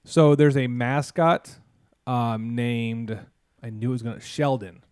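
A man's voice: mid-range voice, fairly even intonation, takes it slowly, a little mellow, clear, resonant tone, no echo, clean studio sound. A man in his thirties or forties hosting a casual chat, rambling through stories with lots of fillers, restarts and sarcastic asides. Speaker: podcast host, mascot performer.

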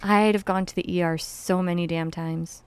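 A woman's voice: on the low side, flat delivery, moderate pace, a little mellow, clean tone, dry recording. A woman hosting a casual podcast who teaches rope classes, explaining step by step and laughing easily. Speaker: podcast host and rope bondage instructor.

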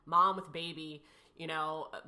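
A woman in her thirties tells a painful personal story as an interview guest. Her voice sits a little low but sounds bright and forward. She rambles, circles back and fills gaps with "you know" and "like.". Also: steady tone, a little slow. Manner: emotional, rambling, many fillers and restarts.

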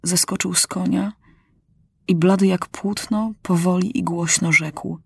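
A woman narrating an audiobook, her voice somewhat low and husky. She reads very slowly and deliberately, letting dramatic pauses hang between phrases. The sound is dry and close, with no room around it. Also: fairly even intonation, dry recording. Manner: slow, measured, dramatic pauses.

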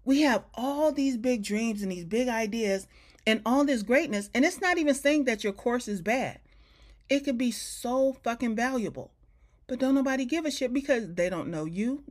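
Folksy woman with a slow drawl. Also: fairly high pitch. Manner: folksy, blunt, profane, emphatic. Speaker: podcast host, brand strategist. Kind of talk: casual solo podcast talk.

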